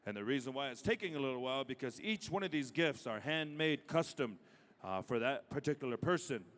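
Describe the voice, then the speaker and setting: A man working as a powwow emcee, announcing live and informally, calling out names with drawn-out emphasis between halting asides. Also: mid-range voice, expressive, a bit bright. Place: large arena, over a PA system. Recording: reverberant large hall PA sound.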